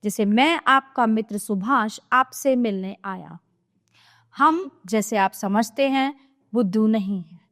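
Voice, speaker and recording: A woman teacher giving a scripted grammar lesson to children, explaining clearly and steadily. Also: a little high, slow, a bit bright.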